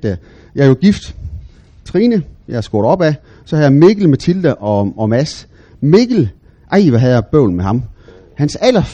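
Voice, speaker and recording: A middle-aged man, preaching a sermon as animated storytelling with big, loud bursts when he quotes himself. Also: medium pitch.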